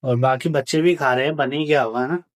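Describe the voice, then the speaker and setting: A man's voice: medium pitch, fairly quick, dry recording, studio quality. A man narrating a casual family vlog as he walks through his home and rooftop, talking straight to the viewers. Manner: chatty tour-guide narration, repeats "ये देखिए" and "मतलब". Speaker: family vlogger.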